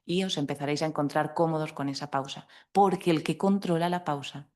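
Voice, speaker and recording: Low-voiced woman giving a lively workshop talk. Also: a little fast. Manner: lively, practical, addresses audience directly. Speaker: communication trainer. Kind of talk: live talk to an audience. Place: conference hall at a law association.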